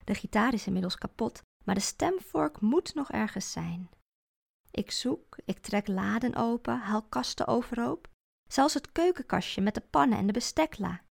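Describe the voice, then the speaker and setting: A woman reading a first-person story aloud, expressive with a deadpan sense of humour. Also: on the high side, moderate pace, creaky.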